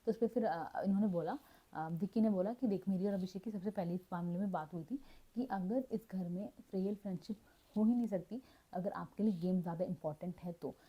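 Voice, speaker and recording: Woman vlogger, casual recap voice, mid pitch, chatty with self-corrections, slightly muffled lo-fi audio. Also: fairly quick, slightly rough. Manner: mixes Hindi and English, chatty with frequent self-corrections. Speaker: reality show recap vlogger. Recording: dull lo-fi audio.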